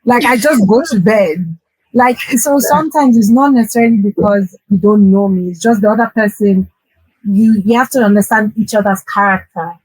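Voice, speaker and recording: A woman guest in a casual podcast chat, speaking in a relaxed, matter-of-fact way. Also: mid-range voice, fairly quick, husky, dry recording, rough recording.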